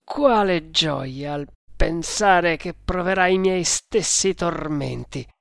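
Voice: mid-range voice, takes it slowly, gravelly, dry recording, clean studio sound. A reader voicing a tortured male villain, a strangler who roars and mocks his captor in a dramatic audiobook. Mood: gloating. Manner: roaring, mocking, bursts into wild laughter. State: groaning in pain.

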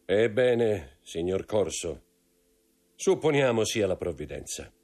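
A man's voice: lowish voice, sing-song, slow pace, a little mellow, faint music behind, voice pushed up, heavily acted. A man doing the imperious Count of Monte Cristo. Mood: cold. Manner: commanding, coolly ironic. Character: cold, imperious male nobleman. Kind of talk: audiobook character voice.

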